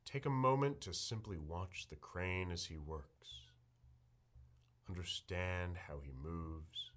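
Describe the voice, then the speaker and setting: A man leading a guided meditation in a soft, soothing, measured delivery. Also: deep voice.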